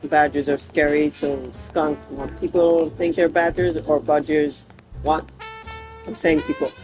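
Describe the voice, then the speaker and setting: Hoarse man doing casual game commentary. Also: fairly high pitch, flat delivery, a little slow, darkish tone, faint music behind, rough recording. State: hoarse after recent surgery. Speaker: game streamer. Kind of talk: casual rambling let's play commentary.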